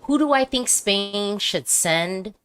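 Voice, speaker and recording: A woman's voice: medium pitch, animated, slow pace, fairly bright tone, slight background noise. A woman hosting a casual video-call chat, talking emphatically with frequent restarts. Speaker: host.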